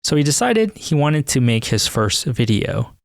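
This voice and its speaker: A man's voice: mid-range voice, very animated, normal speed, creaky, dry recording, clean studio sound. A man hosting a podcast, narrating in a scripted, wry and self-deprecating way. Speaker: podcast host.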